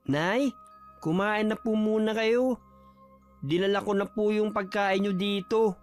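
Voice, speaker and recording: A man voicing a gentle, devoted son who speaks softly and politely to his sick mother. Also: sits high, fairly even intonation, unhurried. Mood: tender. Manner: soft, polite, tender. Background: faint music.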